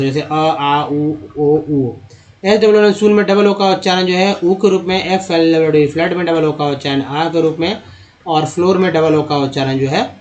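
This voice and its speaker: A man teaching English reading, slowly and patiently sounding out words one by one. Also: sits high. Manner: slow, patient word-by-word drilling.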